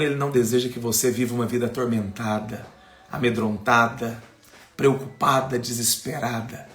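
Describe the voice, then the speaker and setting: A Brazilian man preaching in a church, his voice ringing with room echo. He builds to emphatic, raised peaks and then drops back to a softer, intimate tone. His pitch sits in an ordinary middle range. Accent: Brazilian Portuguese. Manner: impassioned, rising to emphatic peaks then dropping soft. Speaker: pastor. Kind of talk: sermon. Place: church sanctuary.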